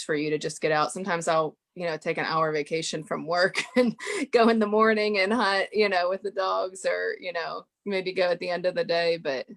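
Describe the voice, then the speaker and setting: A woman's voice: lowish voice, a bit bright. A woman guest on an interview show, telling stories in a chatty way with many "you know" fillers. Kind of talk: casual podcast interview.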